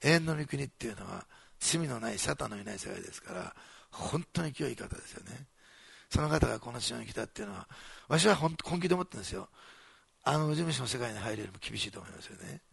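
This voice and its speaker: A man preaching a sermon as pastor, animated and repeating phrases for emphasis, joking with the congregation. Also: mid-range voice, fast, vocal fry, breathy edge, dry recording.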